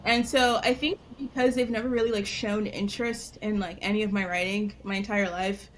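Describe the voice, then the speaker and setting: A young adult woman in casual conversation, telling a personal story in an animated way, laughing often and saying "like" a lot. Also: medium pitch, brisk, a little hiss or hum. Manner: animated, laughing, heavy use of "like". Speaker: guest storyteller. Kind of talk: casual interview chat.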